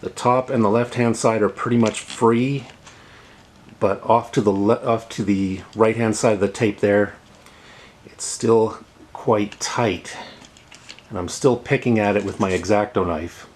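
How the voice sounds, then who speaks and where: The host of a how-to tech repair video, a middle-aged man, narrates casually and unhurriedly in a fairly low, steady voice, with slight background noise. He explains things plainly and repeats words to make a point.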